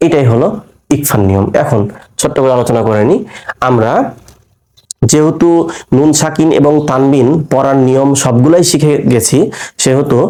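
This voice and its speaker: A man's voice: mid-range voice, dark tone. A man teaching Quran recitation rules, explaining step by step, asking and answering his own questions, and stretching out words when he recites them. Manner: drawn-out sung recitation of verse words. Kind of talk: tajweed lesson with recitation.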